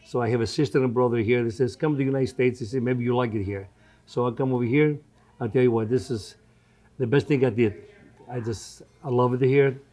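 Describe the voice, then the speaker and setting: This Greek restaurant owner in his seventies answers interview questions in non-native English with a Greek accent. His voice is soft and mellow at a middle pitch, with fairly even intonation and a fairly quick pace. He's conversational and tends to repeat phrases.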